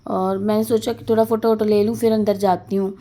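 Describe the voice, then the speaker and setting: A woman's voice: mid-range voice, flat delivery, fairly quick, dark tone. A young woman chatting casually as she narrates her family vlog, rambling and laughing as she recounts the day. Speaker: vlogger.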